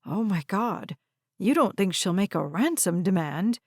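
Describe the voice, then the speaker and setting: A greedy, scheming man, voiced by a woman narrator, smooth and pushy in his speech. It is a dry, close audiobook recording. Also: mid-range voice, big pitch swings, unhurried, darkish tone, no room sound, exaggerated voice. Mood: insistent.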